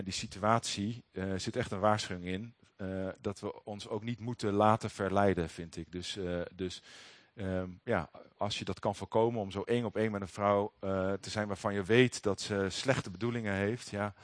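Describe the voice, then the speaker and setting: Male preacher, lowish voice, halting delivery with many fillers, dry close sound. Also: no room sound. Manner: hesitant, many fillers and restarts. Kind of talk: Bible reading with commentary.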